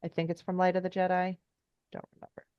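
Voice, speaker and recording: A woman's voice: lowish voice, completely flat delivery, fast, smooth, no echo, dull audio. A woman talking as a podcast guest in a casual chat, enthusiastic and rambling in long trailing asides.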